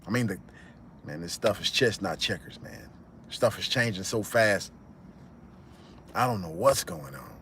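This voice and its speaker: A man hosting a livestream, chatting with viewers and retelling a movie plot as a rambling, animated storyteller. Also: sits low, a little slow, pauses often, slight background noise. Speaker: channel host. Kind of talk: livestream commentary reading chat.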